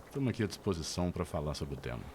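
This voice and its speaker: A middle-aged man speaks as a radio guest, his voice very deep. He explains his field in a formal, measured, lecturing way, with a faint hiss of noise beneath him. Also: big pitch swings, a little mellow. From Araxá, Minas Gerais, Brazil. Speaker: architect and university lecturer, guest. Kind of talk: radio interview.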